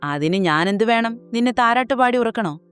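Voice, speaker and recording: A woman's voice: a little high, lively intonation, moderate pace, clean tone, dry recording, soft background music, natural voice. A woman reading as a teasing, doting young husband. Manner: playful, teasing.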